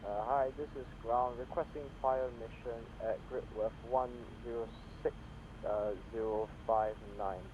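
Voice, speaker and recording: A man's voice: mid-range voice, steady tone, measured pace. A man leading a ground team in a military game speaks over a walkie-talkie radio. He follows radio procedure in a polite, hesitant way with frequent "uh". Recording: muffled voice chat with loud noise.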